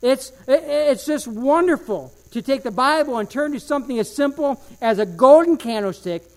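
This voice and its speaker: Fervent high-voiced male preacher. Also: animated, moderate pace. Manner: fervent, rising and falling emphasis, repeats phrases. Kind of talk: sermon.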